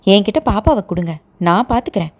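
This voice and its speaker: Fiery young sister in an audio novel, as a woman narrator puts her on, quick and scolding. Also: medium pitch, animated.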